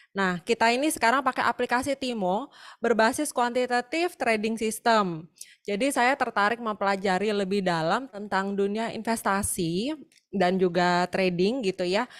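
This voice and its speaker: A woman trading trainer presents to a webinar audience over a video call. Her voice is middle-pitched, and her delivery is friendly, plain and conversational, with casual fillers. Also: a bit bright.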